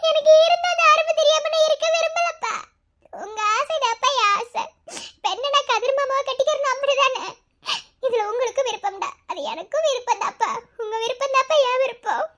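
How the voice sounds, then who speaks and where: A woman's voice: fairly quick, sharp tone. A woman voicing a devoted young village daughter in a cartoon, speaking with a Madurai Tamil accent in an emotional, pleading way. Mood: tearful. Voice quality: very high, girlish. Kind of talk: cartoon voice acting.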